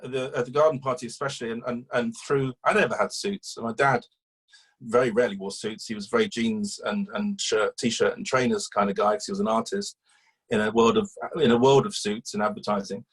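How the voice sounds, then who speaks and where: Man, husky, mid-pitched, chatty rambling storyteller. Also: fairly even intonation, fairly quick, rough recording. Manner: chatty, rambling with fillers and restarts. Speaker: guest, animal welfare campaigner. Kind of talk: casual interview storytelling.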